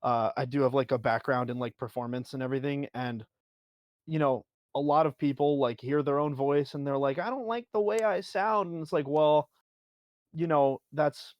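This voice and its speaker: Mid-pitched man in casual, halting chat. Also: little pitch movement, no room sound, dull audio. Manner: hesitant phrasing, frequent "like". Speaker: livestream guest with a music performance background. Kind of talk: casual chat, giving advice.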